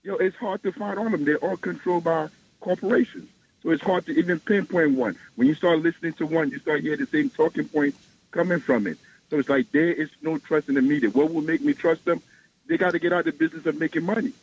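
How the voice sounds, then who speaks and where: A man's voice: on the high side, lively intonation, fast talker, vocal fry. A man calling in to a talk radio show over the phone, speaking in an impassioned, emphatic way that repeats his points. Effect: heard over the phone. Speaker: radio call-in caller. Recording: dull phone line with faint hiss.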